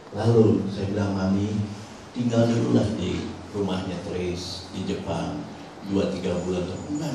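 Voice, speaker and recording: A man from Indonesia giving a personal testimony in church, telling his story in a conversational way and dropping in English phrases. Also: deep voice. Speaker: lay speaker giving a testimony. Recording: very echoey church from a distant mic, with background noise.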